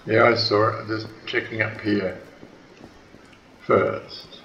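A man's voice: on the low side, flat delivery, takes it slowly, gravelly, pushed and bright, reverberant, highs cut off, a little hiss or hum. A man giving casual gameplay commentary, muttering and grumbling dryly to himself.

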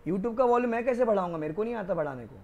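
Racing along with lively intonation, the same kind of chatty Rajasthani Hindi law teacher jokes with his accountancy students, addressing them as kids during a casual lecture with stories. His high male voice is a little mellow, and the new microphone produces lo-fi sound.

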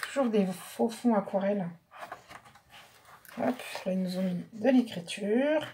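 A French woman chats her way through a craft haul in a relaxed show-and-tell voice, thinking aloud with small fillers and asides. Her pitch sits in a middle range. A faint hiss and some clicking sit under the recording. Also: measured pace. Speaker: craft vlogger showing a haul.

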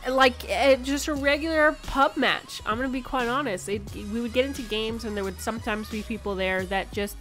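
A woman's voice: fairly high pitch, moderate pace, few pauses, fairly bright tone, faint music behind. A young woman with a sick voice, casually chatting as host of a gaming video, rambling and restarting her sentences.

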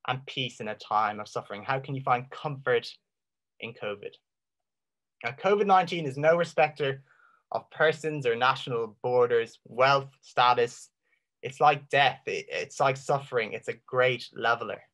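An Irish man with a medium-pitched, fairly bright voice gives an earnest apologetic talk on faith. He poses rhetorical questions, lets dramatic pauses hang, and lets his intensity rise and fall.

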